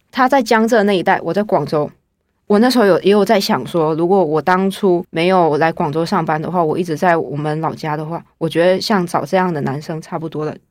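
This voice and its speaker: A woman's voice: lowish voice, no echo, studio quality. A woman in her twenties casually telling her own story in the first person, chatty and wry. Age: 20s. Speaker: guest storyteller.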